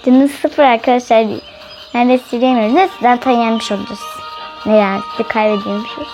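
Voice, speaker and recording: Female let's-play host, high and bright-pitched, excitable and chatty, game music playing behind her. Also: fairly quick. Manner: excitable, often shrieks and laughs while playing; chatty, keeps addressing viewers directly. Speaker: gaming channel host.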